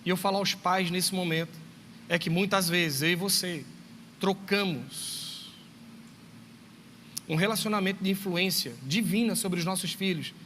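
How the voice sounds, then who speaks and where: A man, a teacher, giving a church talk to parents in a lively storytelling way, acting out dialogue and speaking straight to his listeners. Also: high voice, measured pace, pauses often. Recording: long reverb, faint background noise.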